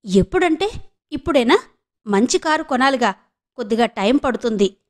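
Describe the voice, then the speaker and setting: A woman's voice: fairly high pitch, expressive, normal speed, close to an everyday voice. A woman voicing a sleepy, placating young husband. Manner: tired, placating. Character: weary young husband, passive.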